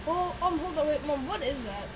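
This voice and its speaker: Young woman game host with the hiccups, high voice, noisy recording. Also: expressive, fairly quick. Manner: chatty, easily sidetracked. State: has the hiccups. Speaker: let's play host. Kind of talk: casual gameplay chat.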